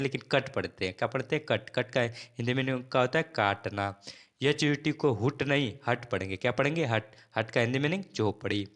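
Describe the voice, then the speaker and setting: A man's voice: medium pitch, a bit bright. A man teaching English spelling and pronunciation, who spells each word out letter by letter and repeats it as a drill.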